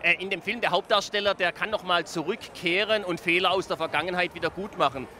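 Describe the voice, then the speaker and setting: A man's voice: sits high, quick pace, sharp tone. A middle-aged man hosting a live panel talk on a handheld microphone in a beer tent. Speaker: TV talk show host. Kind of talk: lively live panel moderation. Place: busy festival beer tent. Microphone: handheld reporter microphone. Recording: background noise of a busy tent.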